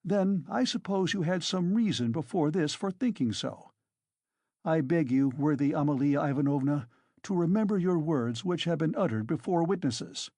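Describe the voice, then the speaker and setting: A reader voicing a pompous, reproachful middle-aged man who speaks smoothly and formally. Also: medium pitch, expressive, moderate pace, a little mellow, no room sound, clean studio sound, pitched above the performer's own voice.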